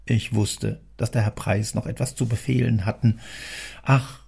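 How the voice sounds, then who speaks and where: Servile old bookkeeper done by a male narrator, muttering, obsequious, gravelly, husky, storybook reading. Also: fairly low pitch, level tone, unhurried, a little mellow, exaggerated voice.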